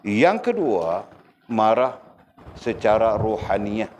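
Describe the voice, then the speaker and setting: A male religious teacher lectures a class in a fairly low voice. He is animated and keeps checking that his listeners follow with quick rhetorical questions. Faint noise sits under the recording.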